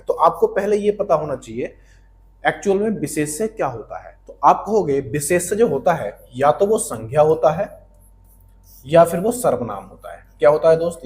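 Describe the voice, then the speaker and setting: A man teaches grammar in a friendly, chatty way and keeps asking the viewer questions. He sits a little high in pitch and answers each question himself, saying the key terms twice. It sounds like a grammar lesson for exam prep. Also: a little hiss or hum.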